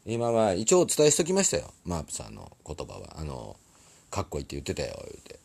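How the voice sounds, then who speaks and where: Husky Osaka man, rambling and lively. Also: low voice, fast talker. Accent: Osaka dialect. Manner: rambling, apologetic, laughs often. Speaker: musician live-streaming. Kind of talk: casual live-stream chat. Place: recording studio.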